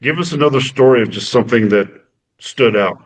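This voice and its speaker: A man's voice: medium pitch, a little fast, low-quality recording. A man hosting a podcast, asking casual, rambling questions of his guest. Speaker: podcast host.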